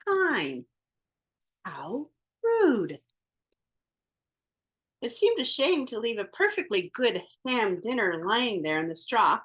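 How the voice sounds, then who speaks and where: A woman reading a picture book aloud, narrating in first person as the wolf, playful and theatrical with sound effects and drawn-out words. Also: on the high side, a bit bright, husky. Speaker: storybook reader.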